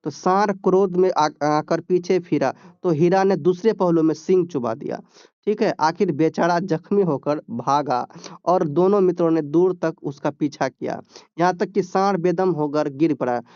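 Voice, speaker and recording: Male teacher, clear higher voice, explains a textbook story line by line. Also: moderate pace, a little mellow, dry recording, dull audio. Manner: reads a passage, then explains it in plain talk with "ठीक है?" checks.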